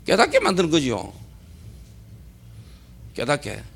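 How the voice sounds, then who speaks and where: A man's voice: a little high, wildly swooping pitch, slow, gravelly, a bit bright, husky. A middle-aged male pastor preaching a sermon at a church service. He keeps posing rhetorical questions, answers them himself, and repeats key phrases for emphasis.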